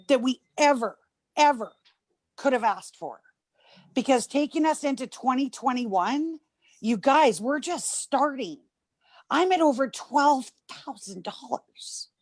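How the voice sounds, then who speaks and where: A woman's voice: sits high, darkish tone, no room sound. A woman giving an emphatic, gushing testimonial on a video call, at times choked up. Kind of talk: emotional testimonial.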